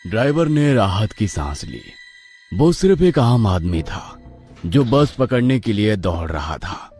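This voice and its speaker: Slow, low-voiced male horror storyteller. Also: soft background music. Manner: suspenseful, lively storytelling. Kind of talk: dramatic horror story narration.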